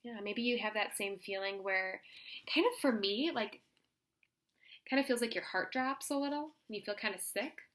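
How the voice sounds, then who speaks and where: A female teacher reads a children's story aloud with an expressive, instructive delivery, stopping now and then to ask her listeners questions. Her voice is medium in pitch.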